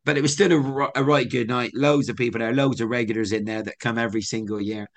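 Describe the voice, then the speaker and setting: A young man from England, co-hosting a podcast, talks fast in a gravelly mid-range voice. He is a chatty, upbeat storyteller in a casual conversation.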